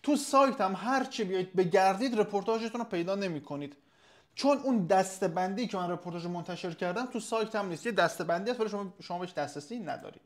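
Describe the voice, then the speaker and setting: Hosting a live webinar Q&A, a man with a fairly high-pitched voice reads out audience questions and answers them off the cuff. His tone is casual with lively intonation and plenty of hesitations, like an SEO consultant explaining things to his viewers.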